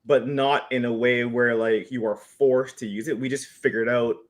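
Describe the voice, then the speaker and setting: A man on a software team chatting loosely and joking on a live video call Q&A. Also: medium pitch, fairly even intonation, moderate pace. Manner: loose, joking, many restarts. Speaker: engineering team member. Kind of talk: casual live Q&A chat.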